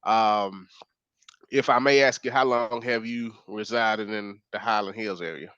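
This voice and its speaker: Halting low-voiced man interviewing. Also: steady tone, fairly bright tone, smooth, dry recording. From Dallas, Texas. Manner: careful, halting questions full of "uh". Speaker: street reporter and interviewer. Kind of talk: community interview. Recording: dull, slightly lo-fi audio.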